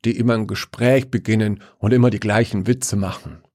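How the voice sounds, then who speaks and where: A man reading the lines of a big, gentle young man who talks slowly and calmly. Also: on the low side, lightly acted. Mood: flat.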